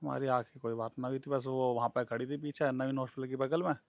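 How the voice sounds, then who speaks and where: A man answers a reporter in a field interview. He talks bluntly and plainly, his voice has a gravelly edge, and it sounds close and dry. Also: medium pitch, level tone, quick pace, dry recording. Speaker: interviewee, son.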